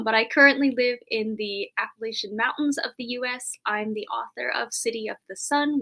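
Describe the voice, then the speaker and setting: A woman's voice: on the high side, pushed and bright. A woman from the United States introducing herself as an author on a video call, chatty and upbeat. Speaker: anthology author. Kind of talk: self-introduction on a live stream.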